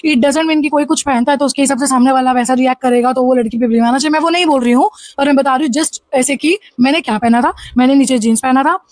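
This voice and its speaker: A woman vlogger rushes through a personal story in a high, quick voice. Her telling is animated and full of restarts. The sound is dry and close, with no room echo. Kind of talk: casual storytime monologue.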